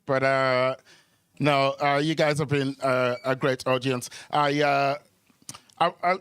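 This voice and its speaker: With a mid-range, slow, flat delivery, this Kenyan man's voice sounds a bit bright, clear and resonant. He is a stand-up comedian at a club microphone, telling stories in a conversational way and working the crowd while hesitating and doubling back on words.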